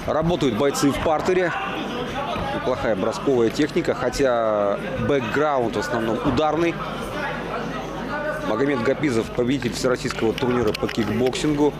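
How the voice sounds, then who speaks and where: Male fight commentator over loud crowd. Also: medium pitch, normal speed. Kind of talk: live sports commentary. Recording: loud music and crowd behind. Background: loud crowd and music.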